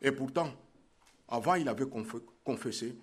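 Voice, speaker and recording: A man's voice: medium pitch, normal speed, slightly rough. A man preaching a sermon, emphatic and repeating his key phrases.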